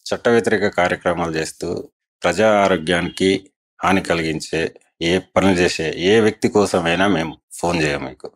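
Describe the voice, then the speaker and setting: A man, a police circle inspector, answering interview questions in a measured, formal way. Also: low voice, fairly even intonation.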